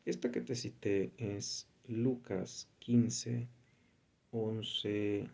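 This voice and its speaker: Low gravelly man reading scripture. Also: little pitch movement, extremely slow, a little mellow. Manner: conversational, reads scripture aloud and comments. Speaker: preacher. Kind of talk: informal Bible teaching.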